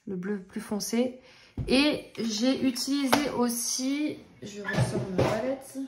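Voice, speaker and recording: Slow and fairly high-pitched, this voice belongs to a French coloring vlogger in her thirties who has a cold. She rambles casually with lots of fillers and restarts in her home office room, and the background is noisy.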